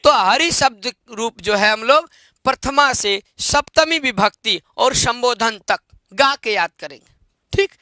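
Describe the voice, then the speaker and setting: A male Sanskrit teacher leads an online grammar lesson, speaking slowly and unhurriedly. His voice is very high and ringing bright, smooth and clear. He repeats each form, asks quick questions and chants the declensions in a sing-song way, recorded close and dry. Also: expressive, no room sound. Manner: repeats forms and quizzes students with questions.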